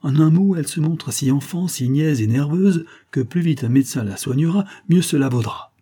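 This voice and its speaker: A stern elderly guardian lady, read by a man in a raised, higher voice that snaps out each complaint. She is loud and sharp-tongued, and her dark, husky timbre still shows under the put-on pitch. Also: normal speed. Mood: harsh. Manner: harsh, disapproving tone. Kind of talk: audiobook reading.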